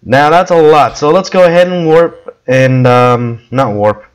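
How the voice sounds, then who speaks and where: A man giving casual gameplay commentary with a hoarse, worn voice, coughing now and then and rambling with many fillers. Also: a little high, unhurried, rough recording. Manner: rambling, with frequent ums and restarts. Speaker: gameplay video creator.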